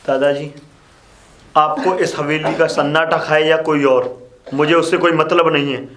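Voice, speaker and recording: A man's voice: on the high side, steady tone, a little slow, fairly bright tone. An actor playing a defiant young grandson who argues earnestly with his grandfather. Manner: earnest, arguing. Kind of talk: low-budget Hindi drama acting. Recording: echoey room.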